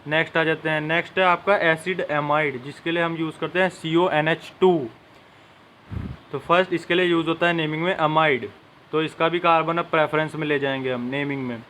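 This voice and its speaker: A man's voice: on the high side, steady tone, a little fast, fairly bright tone, slight background noise. A young man teaching a chemistry lesson step by step and speaking directly to his students. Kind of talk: classroom-style lesson.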